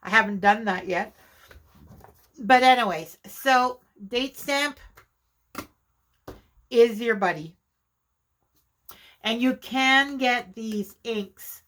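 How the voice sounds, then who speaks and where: A woman vlogger chatting casually while demonstrating her journaling supplies, chatty and quick to laugh at herself. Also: a little high, a bit bright. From Canada. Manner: chatty, self-deprecating, exclaims often. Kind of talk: casual craft vlog demonstration.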